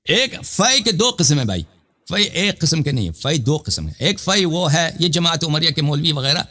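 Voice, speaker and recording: A man's voice: on the high side, very animated, pushed and bright. A man debating as a cleric, insistently challenging his opponent and then explaining verses and their grammar in a lecturing manner. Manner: insistent, repeatedly challenging the other to recite the verse. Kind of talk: debate and Quran exposition.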